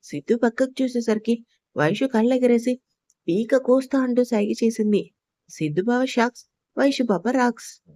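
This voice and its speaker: A woman's voice: a little high, moderate pace, dark tone, no room sound. A woman narrating a romance audio story, reading expressively and slipping into voices for each character.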